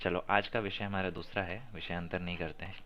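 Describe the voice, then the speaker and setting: A man's voice: low voice, fairly even intonation, fairly quick, slight background noise. Man coaching pronunciation, muffled audio. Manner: corrective, repeats phrases to stress sounds. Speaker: teacher. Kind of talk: online class on chanting and pronunciation.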